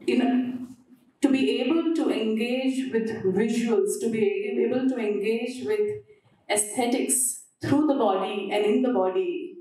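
Casting: woman, 40s, measured reflective panel speaker, slightly high pitch, strong hall echo. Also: darkish tone. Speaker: dancer and designer on a discussion panel. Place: on stage in an auditorium. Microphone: handheld microphone. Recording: very echoey hall, slightly distant.

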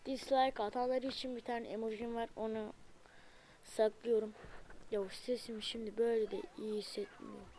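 Excitable young woman commentating gameplay. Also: fairly high pitch, a little hiss or hum. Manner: excitable, frustrated outbursts at the game; talks to viewers, asks them to subscribe. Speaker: gaming video creator; student.

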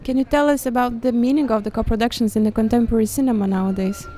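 A woman's voice: a little high, steady tone, racing, dark tone. A woman interviewer putting questions in hesitant, searching phrases. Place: busy festival venue foyer, indoors. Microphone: handheld interview microphone. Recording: noisy venue ambience.

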